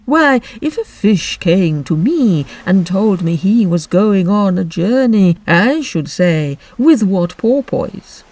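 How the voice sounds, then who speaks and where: A woman voicing the Mock Turtle, a slow, mournful male creature who is easily offended, in a storybook reading. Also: medium pitch, expressive, darkish tone. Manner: slow, drawn-out, sighing delivery.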